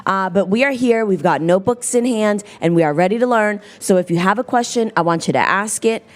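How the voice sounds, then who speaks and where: A woman's voice: medium pitch, fairly quick. A woman co-hosting a show, chatty and playful. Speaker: co-host. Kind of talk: casual show chat.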